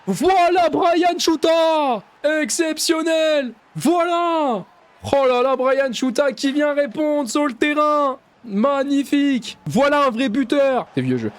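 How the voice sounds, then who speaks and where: Very high-voiced hyped game commentator man. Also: lively intonation, takes it slowly. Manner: hypes goals with shouts and mock-commentator exclamations; drops to low, mumbled asides between bursts. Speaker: gaming YouTuber. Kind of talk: excited play-by-play commentary over a football video game.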